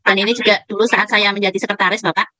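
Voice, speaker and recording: A woman's voice: mid-range voice, steady tone, racing, pushed and bright, no room sound. A woman who chairs a local association, asking a question politely in an online meeting and often searching for words. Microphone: video call.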